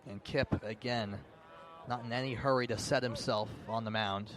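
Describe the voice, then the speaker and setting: A medium-pitched male announcer keeps a steady tone at normal speed while providing live radio commentary outdoors at a ballpark or sports field. He describes the play in detail and builds intensity for the big moments, with faint background noise audible.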